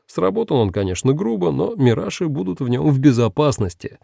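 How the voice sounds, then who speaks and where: A man reading an audiobook as narrator with an expressive, gravelly delivery. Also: on the high side, fairly quick, dry recording, clean studio sound. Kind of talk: scripted narration.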